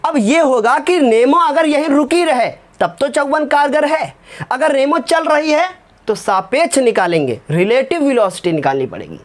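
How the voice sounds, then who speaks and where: A man's voice: very high voice, big pitch swings, normal speed. A male physics teacher works through numericals step by step. He keeps checking that his students follow and calls them by fond, fatherly names. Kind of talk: whiteboard lesson solving numericals.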